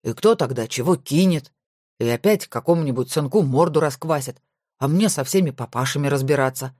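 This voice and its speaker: A woman reading a grumpy, nervous middle-aged male boss in an audiobook, grumbling low. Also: fairly quick, darkish tone, no echo, studio quality.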